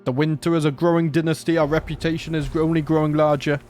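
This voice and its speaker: Talking fast in a fairly high, level, slightly mellow voice, a gaming channel host with a sore throat plays a strategy game. His let's play commentary is casual, chatty and joking, full of thinking aloud, with soft background music.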